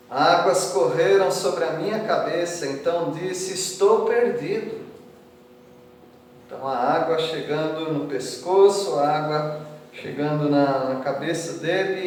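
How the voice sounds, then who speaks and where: A man with a Brazilian Portuguese accent preaches from the pulpit in a slightly high voice, chatting with the pews and checking in with small tag questions. He reads each verse aloud with lifted emphasis. The sound is caught from a distance in a church hall with a long, roomy echo. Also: slight background noise. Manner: conversational, asks the congregation tag questions. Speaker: pastor. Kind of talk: expository sermon. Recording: echoey church hall from far off.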